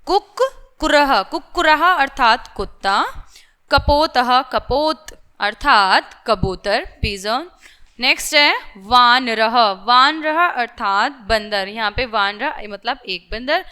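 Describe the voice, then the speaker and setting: A woman's voice: sits high, pushed and bright, clean tone. A woman teacher going through a vocabulary list for young children, saying each word several times, asking "theek hai" again and again and mixing in English words.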